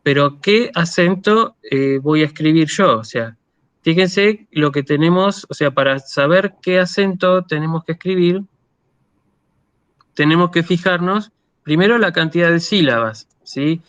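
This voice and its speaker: Patient Argentine lecturer with a dry sound. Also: male voice, on the high side, a little slow, a bit bright, no echo. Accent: Argentine Spanish. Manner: patient, explanatory, keeps checking understanding. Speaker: university lecturer. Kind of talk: online lecture.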